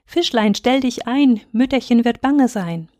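A woman voicing a small, gentle, wistful girl. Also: on the high side, expressive, measured pace, no echo.

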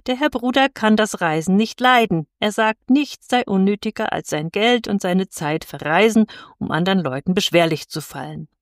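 A woman voicing a talkative, sharp-tongued old spinster aunt who scolds indignantly. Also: mid-range voice, lively intonation, moderate pace, hardly any pauses, no room sound, studio quality, close to an everyday voice. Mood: chatty.

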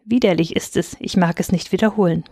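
A woman's voice: on the low side, steady tone, dark tone, dry recording, studio quality, lightly acted. A woman reading aloud, voicing a timid male village elder who speaks hesitantly. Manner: hesitant, halting.

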